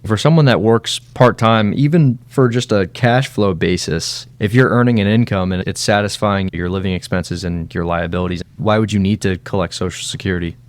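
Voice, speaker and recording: Low-voiced man asking a practical question. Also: moderate pace, hardly any pauses, dry recording. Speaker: retirement planner co-host. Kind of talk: podcast conversation.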